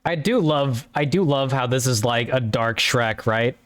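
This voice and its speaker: A man's voice: medium pitch, unhurried, fairly bright tone. A man streaming a story game, talking in a rambling, offhand way and swearing casually. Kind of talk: casual let's-play commentary.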